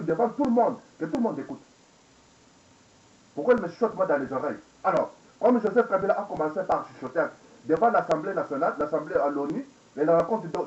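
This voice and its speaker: Angry guy in his 40s ranting at a webcam, kinda high voice, keeps asking questions, dull echoey sound. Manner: angry, repetitive, rhetorical questions, code-switching into English. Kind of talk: angry rambling monologue.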